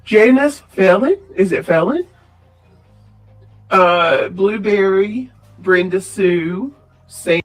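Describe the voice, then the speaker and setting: A woman heard in the background of a livestream through a voice changer overlay, greeting people slowly by name. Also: soft background music, low-quality recording. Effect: voice changer overlay that morphs the voice into a higher male-sounding tone.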